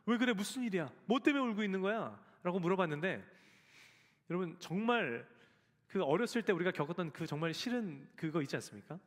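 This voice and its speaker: A man's voice: high voice, very animated, fast. A man in his forties preaching a sermon to a young adult congregation, telling a family story and acting out the voices in it. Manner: storytelling, acts out quoted voices; addresses the congregation directly. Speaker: pastor. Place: church hall. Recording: long church reverb.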